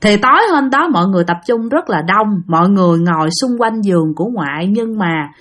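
A woman's voice: mid-range voice, animated, brisk, fairly bright tone. A woman with a Southern Vietnamese accent retelling a ghost story in a conversational way, speaking directly to her listeners.

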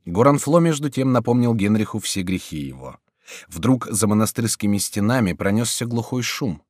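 Low-voiced man reading an audiobook. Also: animated, normal speed, a little mellow, no room sound, studio quality. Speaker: audiobook narrator. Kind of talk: scripted narration.

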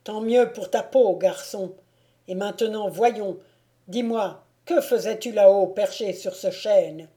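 A domineering baron barks scornful orders in an audiobook, voiced by a woman. The delivery is loud and commanding, slow-paced and warm in tone. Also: medium pitch, lightly acted. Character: domineering noble man, a mocking baron-huntsman. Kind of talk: audiobook reading.

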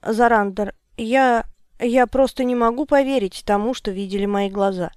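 Woman voicing a grumpy old male wizard, indignant, storybook reading, smooth clear voice, dry close sound. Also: a little high, normal speed, darkish tone, dry recording, lightly acted. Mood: stunned. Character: gruff older male wizard, irritable. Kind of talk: audiobook character reading.

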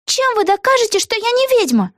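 A very high, shrill young witch girl cries out her protests, earnest and indignant, as a woman reads her. Her storybook voice is recorded close and dry, with no room sound at all. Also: sing-song, fairly quick, dry recording.

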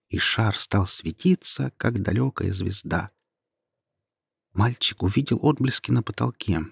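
A man reads a storybook aloud at a slow, measured pace. His low voice is husky and close, recorded dry with no room sound. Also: dry recording. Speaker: narrator. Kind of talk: storybook narration.

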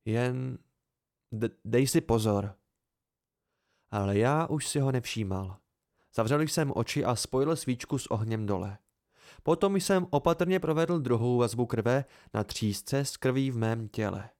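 A man's voice: mid-range voice, expressive, a little mellow. Man reading a first-person novel aloud. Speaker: audiobook reader. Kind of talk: amateur first-person audiobook narration.

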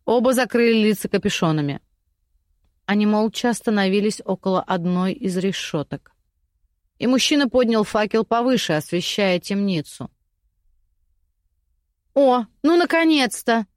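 A woman's voice: mid-range voice, normal speed, no echo, studio quality. Woman narrating a fantasy audiobook.

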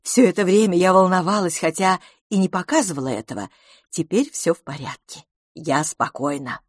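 A woman voicing a timid, romantic middle-aged spinster who speaks softly and slowly. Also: on the low side, lively intonation, slightly rough, dry recording, studio quality. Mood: earnest. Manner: soft, slow and hushed.

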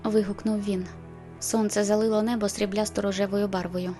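A woman narrating a first-person audiobook in a steady, measured way. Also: medium pitch, faint music behind.

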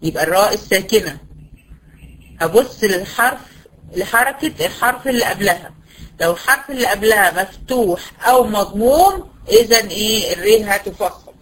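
A woman's voice: mid-range voice, expressive, fairly bright tone, slight background noise, rough recording. Egyptian woman teaching tajweed, patient drills. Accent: Egyptian Arabic. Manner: patient, asks questions and answers them herself, drills sounds slowly. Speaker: Quran recitation teacher. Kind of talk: online tajweed lesson.

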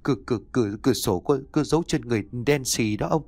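A man's voice: mid-range voice, fast talker, darkish tone, dry recording, lightly acted. Man playing a scared servant boy, stammering and shaky, dry close. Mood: terrified. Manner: stammering, trembling. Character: frightened young male servant, stammering.

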